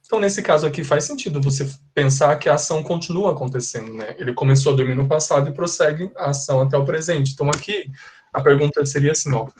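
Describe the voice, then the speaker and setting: A Brazilian Portuguese-speaking man teaching an English lesson live to his class, his voice sitting slightly higher than most men's. He explains step by step, repeats his examples and keeps asking whether everyone has understood. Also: fast, a little mellow. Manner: patient, repetitive, checks understanding often.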